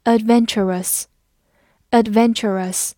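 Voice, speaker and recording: A woman teaching English vocabulary, spelling out words letter by letter and reading example sentences slowly. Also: a little high, fairly even intonation, dark tone, no echo, studio quality. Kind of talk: vocabulary lesson.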